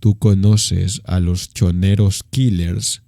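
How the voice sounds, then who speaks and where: A menacing male robber , as a man puts him on, dropping his voice low and drawing out each slow threat. The sound is dry and close, with no room around it. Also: level tone, gravelly, mellow, no room sound, exaggerated voice.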